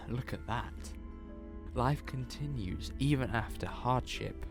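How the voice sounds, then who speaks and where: A man's voice: mid-range voice, music in the background. A man playing the Doctor, wistful time traveller. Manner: quick, wistful explanations. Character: the Doctor, eccentric alien time traveller, male. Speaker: audio drama writer and actor. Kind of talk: fan audio drama acting.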